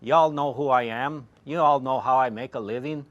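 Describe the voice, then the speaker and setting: An actor playing a gruff shark hunter, reading his lines flatly in his own plain voice and stumbling over them. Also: mid-range voice, muffled recording, a little hiss or hum, lightly acted. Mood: halting. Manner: flat, halting line reading in his plain voice. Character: gruff middle-aged male shark hunter, flat and halting. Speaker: performer doing a movie scene reenactment.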